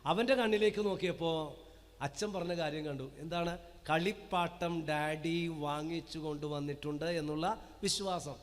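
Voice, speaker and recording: A priest preaches in a high, carrying voice that rings through a church hall's long reverb. He fires rhetorical questions at the congregation and draws out key words slowly so they will repeat them. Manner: rhetorical questions with call-and-response; slow emphatic listing of words. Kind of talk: parish sermon to a live congregation.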